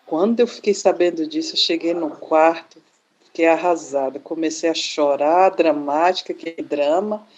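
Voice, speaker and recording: A woman in her forties, a podcast guest, telling a childhood story in casual chat with animated, dramatic flair. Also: deep voice, moderate pace.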